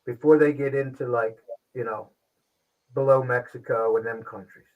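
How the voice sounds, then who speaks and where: A man hosting a casual livestream show, talking with frequent pauses and restarts. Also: medium pitch, steady tone, a little mellow, lo-fi sound. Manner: halting, pauses and restarts often. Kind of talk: casual live-stream talk.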